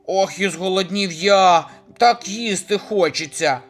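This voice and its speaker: A man voicing a second lazy, playful little male mouse with a squeaky, odd timbre in a children's tale. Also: takes it slowly. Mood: whiny.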